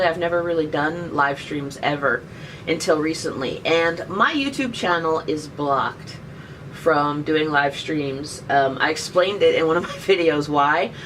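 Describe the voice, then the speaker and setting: A woman in her thirties chats casually on a live stream, joking as she answers viewer questions. Her voice is fairly low and a bit bright. She's indoors by a window, picked up by a distant webcam mic with faint background noise.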